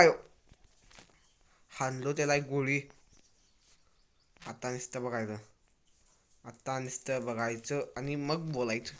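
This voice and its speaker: A man giving excitable, cursing commentary on his own mobile shooter gameplay, telling viewers to keep watching. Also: fairly high pitch, smooth. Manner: excitable, cursing trash talk. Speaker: mobile game streamer.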